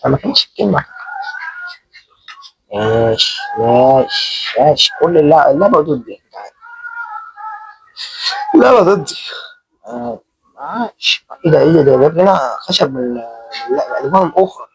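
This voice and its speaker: A man's voice: a little high, expressive, fast talker, vocal fry, pauses often, rough recording. A young man with an Egyptian Arabic accent chatting casually as he plays, joking at himself and yelping when things go wrong. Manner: chatty, self-mocking, panicky yelps when attacked. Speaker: gaming channel host. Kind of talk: casual Minecraft let's play commentary.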